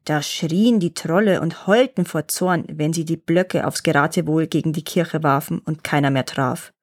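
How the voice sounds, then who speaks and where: A woman narrating a fairy tale as a storyteller, reading in an even, clear way. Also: sits low, moderate pace, no echo.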